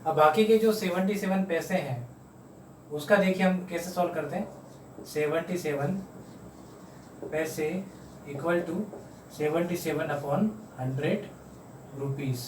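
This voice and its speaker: Man, math teacher, patient, slow repetition, slightly high voice, off-mic, faint background hum. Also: darkish tone, echoey room, recorded from a distance, poor audio. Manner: patient, repeats numbers slowly. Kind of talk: home math lesson for kids. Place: room at home.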